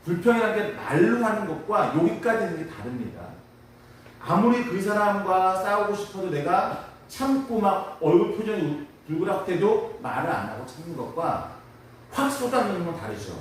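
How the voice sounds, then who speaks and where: Animated preacher in an echoey hall. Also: male voice, sits high, normal speed. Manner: animated, acts out prayers and complaints in quoted voices. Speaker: pastor. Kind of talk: dawn service sermon. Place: church sanctuary. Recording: echoey hall, distant mic, faint hiss.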